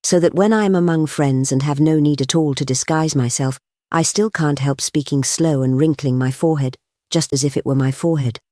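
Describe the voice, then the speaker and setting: An audiobook reader voicing a male impostor professor who tells his tale in a wry, measured, droll way. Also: medium pitch, warm tone, no echo, studio quality, natural voice. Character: male impostor professor, dryly comic, rueful. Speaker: first-person storyteller in the novel. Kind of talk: audiobook character reading.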